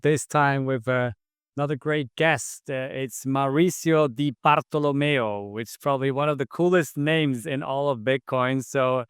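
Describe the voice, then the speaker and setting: A man hosting an interview podcast, chatting casually and loosely, with halting restarts while he asks questions. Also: medium pitch, smooth, no echo, studio quality. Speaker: podcast host.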